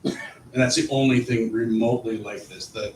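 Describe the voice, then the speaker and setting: At a public meeting in an indoor room, a man acting as school administrator talks informally to the board, explaining matters and repeating phrases as he goes. He has a mid-range voice, fairly even intonation, and a moderate pace. The recording is echoey and distant, with faint noise.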